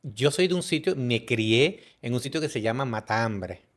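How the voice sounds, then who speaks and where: Dominican man, interview guest, halting storyteller, mid pitch. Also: animated. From Dominican Republic. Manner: halting, frequent restarts and fillers. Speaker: guest, business consultant. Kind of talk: conversational storytelling.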